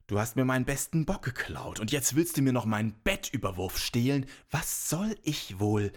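A man voicing a huge, vengeful male giant in a spoken fairy tale, with a low brooding tone that turns into roaring fury. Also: normal speed. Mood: menacing. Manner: low and brooding when calm, roaring when enraged.

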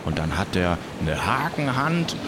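A man's voice: low-pitched, measured pace, noisy background. A man telling a children's story as a pirate captain in first person, theatrical, dropping to whispers and rising to calls. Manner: animated, theatrical, swinging between whispers and calls.

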